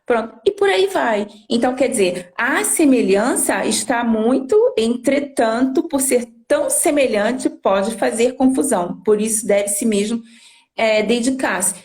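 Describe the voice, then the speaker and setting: Woman explaining patiently, slightly high voice. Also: animated, a little slow, darkish tone. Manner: didactic, frequent tag questions. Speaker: Spanish language teacher. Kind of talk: live-stream explanation.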